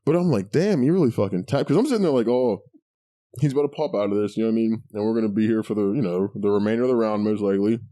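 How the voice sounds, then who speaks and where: A man's voice: lowish voice, rapid-fire, warm tone, no room sound, clean studio sound. A man co-hosting a podcast, chatting casually with profanity, sarcasm and frequent laughter. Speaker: podcast co-host. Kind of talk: casual chat.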